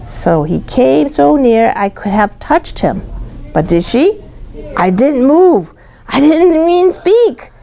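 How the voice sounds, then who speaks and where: Speaking slowly in a high voice with vocal fry, a woman reads a picture book to a young child. Her delivery is expressive and animated: she explains things simply, uses child-directed phrasing, and often repeats herself and asks questions as she goes.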